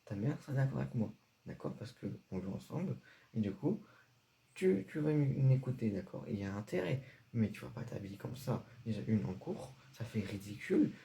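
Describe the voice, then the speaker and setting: A man's voice: mid-range voice, very animated, brisk, creaky, mellow. A man playing a strict, stressed father who scolds his son in a homemade comedy sketch, repeating himself a lot. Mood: stern.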